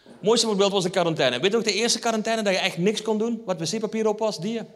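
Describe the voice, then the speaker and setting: A man's voice: high voice, fast talker. A man with a Flemish accent performing a stand-up routine on stage. He tells a wry story and talks straight to the audience. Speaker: stand-up comedian. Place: theatre hall on stage. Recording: reverberant live hall.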